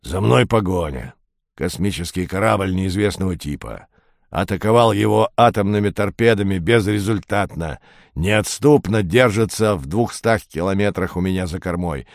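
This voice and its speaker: A man voicing a fierce, gruff two-headed male space pirate in a muffled voice. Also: sits low, moderate pace, no echo, studio quality. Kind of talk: audiobook reading.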